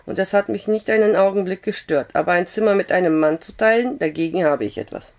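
A dignified, stubborn young bride with a prim, indignant way of speaking, as a woman reads her. The voice is hoarse and fairly low. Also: fast, darkish tone, lightly acted. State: hoarse with a cough.

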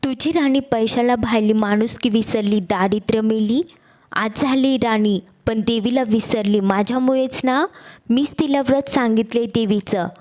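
A woman's voice: fairly high pitch, measured pace, a little mellow, lightly acted. A woman voicing a poor old woman, a disguised goddess, who scolds with bitterness. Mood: indignant.

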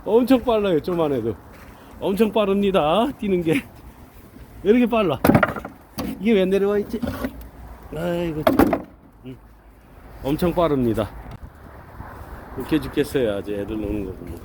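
A man's voice: fairly high pitch, animated, moderate pace, long pauses, noisy background. A man filming his dogs, giving a chatty running commentary and calling out to them between laughs. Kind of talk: casual running commentary to camera.

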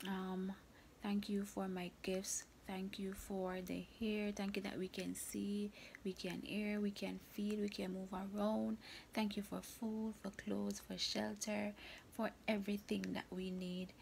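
Woman vlogger, whispered morning vlog, gravelly, flat delivery, faint hiss behind. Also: mid-range voice. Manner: soft whispering, unhurried.

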